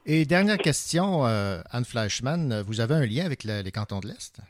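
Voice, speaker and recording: A male radio host asks his questions in a relaxed, casual way and drops short interjections. His voice sits at a middle pitch. The studio sound is dry and close. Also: moderate pace, no echo.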